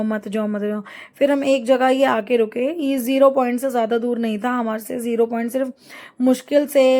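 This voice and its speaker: A middle-aged woman narrating a family travel vlog in a chatty, rambling way, pausing to find words. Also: on the high side, a little mellow. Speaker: travel vlogger.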